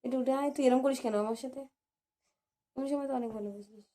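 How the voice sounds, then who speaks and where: A woman's voice: high-pitched, fairly even intonation, racing, dark tone. A woman in casual home chat, coaxing and teasing, repeating her requests. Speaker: wife.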